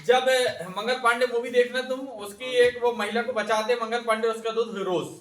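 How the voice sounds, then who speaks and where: A man's voice: extremely high pitch, little pitch movement, a little fast, fairly bright tone. A man teaching a classroom, quizzing his students and repeating their answers back to them. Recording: echoey room, voice from a distance.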